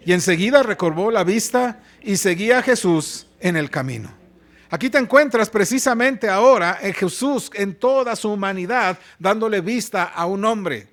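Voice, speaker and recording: A man with a Mexican Spanish accent preaching a sermon as pastor, moving between loud exhortation and soft asides. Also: sits high. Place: church.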